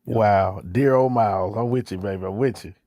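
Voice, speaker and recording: A man's voice: on the low side, moderate pace, warm tone, dry recording, clean studio sound. A man interviewing a guest in casual chat, informal, dropping in short affirmations. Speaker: interviewer, show host.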